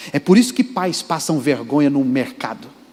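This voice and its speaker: A man's voice: medium pitch, animated, normal speed, darkish tone, husky. A Brazilian Portuguese-speaking man preaching a sermon as pastor, emphatic and speaking straight to the congregation. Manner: emphatic, addresses the congregation directly. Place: church sanctuary. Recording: church reverb.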